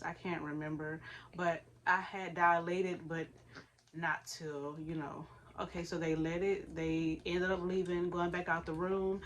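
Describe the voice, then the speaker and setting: A woman's voice: on the low side, a bit bright. A young woman, telling a personal story in a casual, chatty way and now and then breaking off to tend her baby. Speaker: vlogger.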